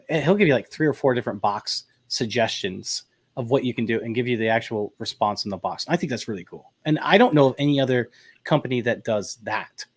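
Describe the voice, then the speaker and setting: A man's voice: mid-range voice, no room sound. Man chatting casually in a dry room. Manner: relaxed, chatty, many fillers and restarts. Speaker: host. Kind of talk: casual chat about audio gear.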